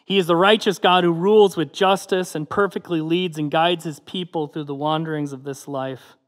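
Earnest pastor, slightly high voice. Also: male voice, steady tone, in a large hall. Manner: measured and earnest, slowing on key phrases, trailing off softly at line ends; closes with a prayer. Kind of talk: sermon.

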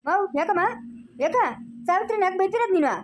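A woman's voice: very high voice, fast. A woman acting a son who argues for his wife in an amateur family drama, insistent and argumentative.

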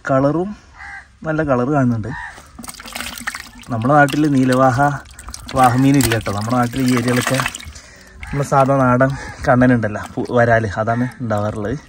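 A man's voice: medium pitch, fairly even intonation, moderate pace, long pauses, noisy background. A man in his thirties with a Kerala accent, chatting casually to viewers outdoors as a fishing vlogger, explaining as he goes and often checking in with the viewer. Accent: Malayalam, Kerala. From Kerala, India. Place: outdoors in paddy fields and a yard. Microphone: phone camera held by the speaker.

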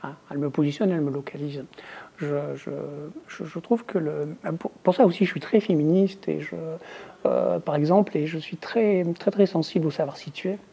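A middle-aged woman, an academic researcher, answering interview questions in a thoughtful, measured way, her voice trailing off quietly at the ends of phrases. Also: low voice, gravelly, breathy edge. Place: indoors, filmed for a museum exhibition.

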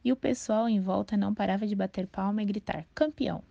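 A woman calmly narrating a children's novel aloud in a storytelling manner. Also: medium pitch, fast, vocal fry, no echo. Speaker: audiobook reader. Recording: dull, dry lo-fi recording.

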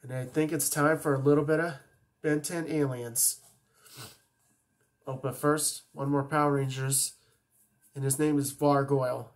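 A man's voice: mid-range voice, steady tone, measured pace, long pauses. A man chatting casually and enthusiastically as he introduces his voice impressions. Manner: enthusiastic fan talk. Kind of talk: casual chat between impressions.

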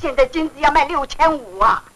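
A woman's voice: high voice, animated, brisk. An actress playing a quarrelsome, wronged woman tenant who argues shrilly, in 1940s film acting. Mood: accusing. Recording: very hissy old film soundtrack.

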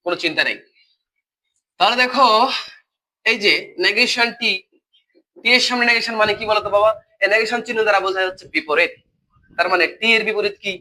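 A man's voice: high-pitched, a little fast, pauses often, bright, forceful tone, poor audio. A man with a Bangladeshi Bengali accent and a cold, teaching a logic class online, patient and repetitive, quizzing his students as he works. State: has a cold. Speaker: logic tutor. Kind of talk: live online class explanation.

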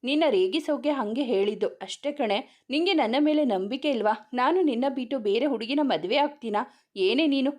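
A woman's voice: high voice, animated, normal speed, a little mellow. A woman voicing a playful young husband who teases and coaxes his wife in a storybook reading. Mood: coaxing. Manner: teasing, coaxing.

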